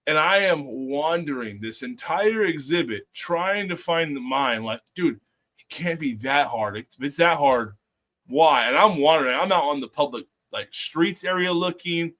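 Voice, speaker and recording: A man's voice: on the high side, expressive, measured pace, a bit bright. A man chatting casually and telling anecdotes in an informal, slangy, enthusiastic way. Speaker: show panelist.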